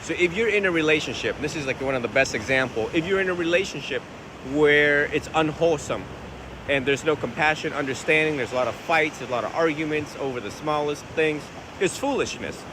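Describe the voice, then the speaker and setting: Wind and waves sound in the background as a Vietnamese Buddhist monk, recording by phone at the seaside, briskly takes on viewers' questions. He has a slightly high male voice and a relaxed, conversational style, often posing rhetorical questions in this casual outdoor Q&A.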